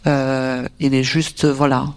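A man's voice: medium pitch, flat delivery, slow pace, clean tone. A man at a workshop giving a thoughtful, reflective talk, repeating words as he searches for what to say. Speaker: workshop participant.

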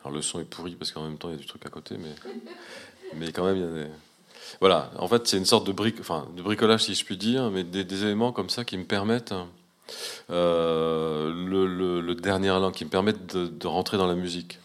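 A man's voice: deep voice, fairly even intonation, a little fast. A man in casual conversation, speaking reflectively with many hesitations and restarts.

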